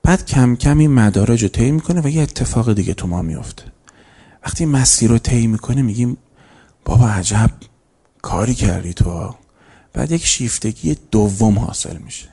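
A man lectures on faith and character before a live audience, his voice mellow and dark with a gravelly edge. He talks in a loose, conversational way and tells small stories. Now and then he lifts into sharp, emphatic peaks. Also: medium pitch, animated. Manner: conversational, storytelling, rises into emphatic bursts. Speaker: lecturer on religious ethics. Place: lecture hall.

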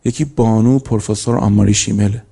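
A man lectures on faith and character before a live audience, his voice mellow and dark with a gravelly edge. He talks in a loose, conversational way and tells small stories. Now and then he lifts into sharp, emphatic peaks. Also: fairly low pitch, steady tone. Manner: conversational, storytelling, rises into emphatic bursts. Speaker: lecturer on religious ethics. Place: lecture hall.

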